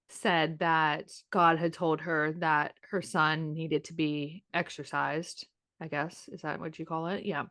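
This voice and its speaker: A woman's voice: low-pitched, fairly bright tone, no echo, clean studio sound. A woman in her late twenties co-hosting a true-crime podcast, chatting casually with lots of fillers and restarts. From Florida. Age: late 20s. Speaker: podcast co-host.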